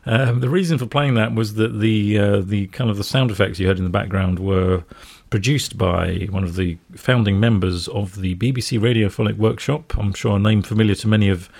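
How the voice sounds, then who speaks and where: A man with a lowish, husky voice hosts a relaxed music radio show. He chuckles between thoughts and feels his way through sentences with plenty of ums and uhs. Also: a little fast, hardly any pauses. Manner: chuckles often, hesitant with many fillers.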